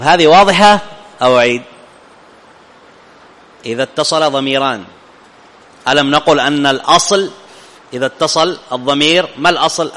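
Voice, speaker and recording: A man's voice: on the high side, bright, forceful tone. A man teaching a live classroom grammar lesson, often stopping to question students and check that they follow. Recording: long reverb in a hall.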